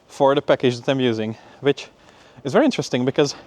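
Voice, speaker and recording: This young man talks fast in a medium-pitched, darkish voice. A PhD student vlogger, he walks viewers through his week in a relaxed, cheerful, conversational spoken update.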